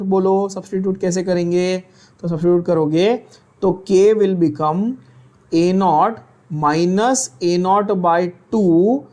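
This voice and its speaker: Male Indian teacher, unhurried, playfully scolding lecture delivery. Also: high-pitched, a little mellow. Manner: teasing, scolds students playfully; slow, drawn-out explanations with frequent checks. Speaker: chemistry teacher. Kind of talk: classroom lecture in Hindi-English mix.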